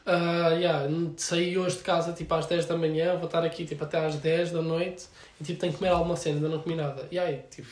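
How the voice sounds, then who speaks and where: A man's voice: on the high side, little pitch movement, fast, hardly any pauses, roomy sound. A young man with a European Portuguese accent chatting casually in a rambling, slangy way full of filler words. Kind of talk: casual chat.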